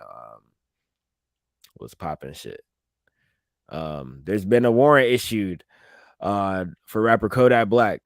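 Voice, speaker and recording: A man hosting his own podcast, reacting to news clips in loose, slang-heavy chat and chuckling at his own jokes. His voice is smooth and clear. The close mic leaves it dry, with no room sound. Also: mid-range voice, dry recording. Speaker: podcast host. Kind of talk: casual commentary on news clips.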